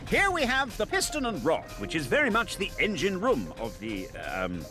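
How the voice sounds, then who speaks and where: A fussy, lively professor. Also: male voice, high voice, normal speed, over music. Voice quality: plummy, exasperated, formal. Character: prim fussy middle-aged male professor presenter. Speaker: ad presenter. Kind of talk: comic ad narration.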